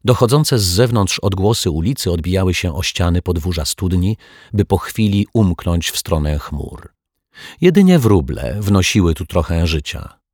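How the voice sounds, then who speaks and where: Man reading a children's audiobook, low husky voice, dry close sound, calm storytelling. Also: moderate pace, no echo. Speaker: audiobook narrator. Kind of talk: scripted narration.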